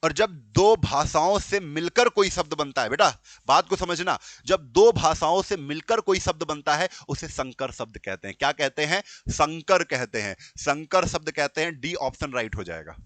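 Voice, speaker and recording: A man's voice: on the high side, expressive, normal speed, hardly any pauses, fairly bright tone, no room sound. A male teacher giving an exam-prep lesson, asking the students questions and answering them himself, repeating the key terms and calling them bachche and beta. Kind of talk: classroom lecture.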